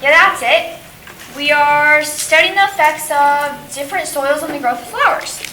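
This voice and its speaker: A woman's voice: high-pitched, moderate pace, lightly acted. A woman playing a sneaky, inventive schoolgirl who talks in a drawling, evasive way. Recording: echoey room with noise.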